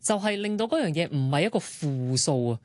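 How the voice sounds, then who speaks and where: Female panellist, very low pitch with lively swings, Hong Kong Cantonese accent, casual discussion. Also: a little fast, dry recording, clean studio sound. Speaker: talk show panellist.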